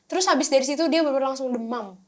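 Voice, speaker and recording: A young woman, an actress guest on a podcast, telling a story in lively casual chat. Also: a little high, fast talker, slight background noise. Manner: lively storytelling, acting out quoted voices.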